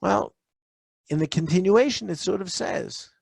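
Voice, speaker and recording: A male teacher with a fairly high voice gives a Torah lesson in a dry, close recording with no room sound. He presses his listeners with rhetorical questions and reads long Hebrew verses aloud between them. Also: measured pace, creaky, slightly rough, no echo. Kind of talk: lecture on a weekly Torah portion.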